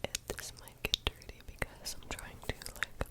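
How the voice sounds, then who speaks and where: A woman speaking softly and haltingly in whispered ASMR, gently repeating her words, close to the microphone. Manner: soft, gentle, halting, repetitive. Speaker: ASMR host. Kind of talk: whispered ASMR personal-attention talk.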